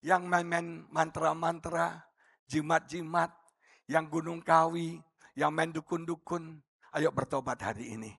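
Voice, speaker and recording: A man preaching a sermon as pastor, swinging between loud shouting and near-murmurs. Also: fairly high pitch, fairly even intonation, unhurried, creaky, breathy edge, no echo.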